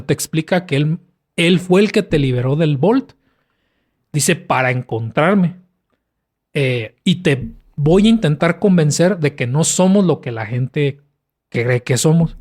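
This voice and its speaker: A man's voice: a little high, darkish tone. A young man with a Mexican Spanish accent, a podcast co-host casually retelling a story in a rambling way, full of slang and fillers. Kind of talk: casual chat.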